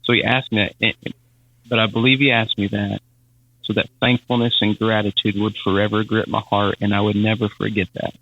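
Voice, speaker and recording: A man telling a personal faith testimony as a podcast guest, halting and repeating words as he speaks. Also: on the low side, flat delivery, a bit bright, muffled recording, slight background noise. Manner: halting, repeats words, Southern-style casual phrasing.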